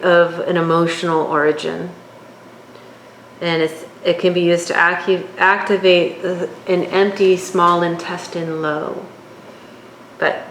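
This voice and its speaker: A woman teaching a course, working through her notes at an unhurried pace with occasional fillers. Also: lowish voice. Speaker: instructor. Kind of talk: lecture on herbal oils. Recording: echoey room, faint background hum.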